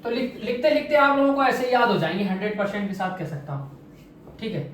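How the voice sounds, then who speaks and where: A man's voice: sits high, big pitch swings, brisk, fairly bright tone, slight background noise. A man teaching an exam-prep class, asking quiz questions and answering them himself, drilling each answer by repeating it. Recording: very echoey room, voice far from mic.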